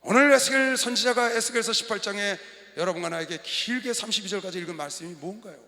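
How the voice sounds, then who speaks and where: High, bright-voiced preaching pastor in an arena. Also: male voice, fast. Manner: impassioned preaching, often shouting. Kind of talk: sermon. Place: large sports arena. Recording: live arena sound with long reverb.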